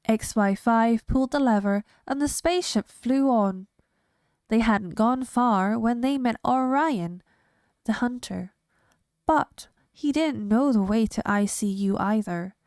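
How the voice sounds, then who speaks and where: A woman reading a children's picture book aloud in a slow, clear storytelling manner. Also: a little high, darkish tone, no echo. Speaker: reader.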